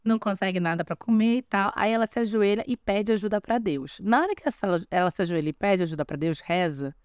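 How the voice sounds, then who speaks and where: Woman, Brazilian accent, podcast host, casual storytelling, sarcastic asides, smooth clear voice, dry close sound. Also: medium pitch, fast, darkish tone, dry recording. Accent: Brazilian Portuguese. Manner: chatty, sarcastic asides, frequent restarts.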